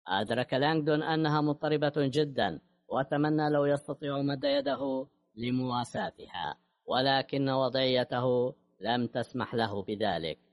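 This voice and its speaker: A man narrating an audiobook novel in a steady, measured reading voice. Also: medium pitch, no room sound, studio quality. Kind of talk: scripted narration.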